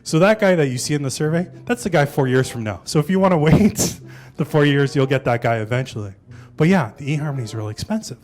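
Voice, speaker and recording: A man's voice: fairly high pitch, lively intonation, fast, a little mellow. A man in his forties, a stand-up comedian, chatting casually about his life and telling jokes, often tagging his lines with "right?". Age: 40s. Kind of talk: casual interview and stand-up set.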